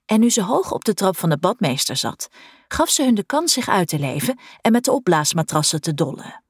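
Breathy, expressive woman audiobook narrator. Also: mid-range voice, brisk, dry recording, clean studio sound. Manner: expressive storytelling.

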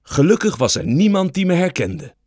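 A man narrating a children's storybook in an expressive, animated reading. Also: fairly high pitch, moderate pace, slightly rough, no room sound, clean studio sound.

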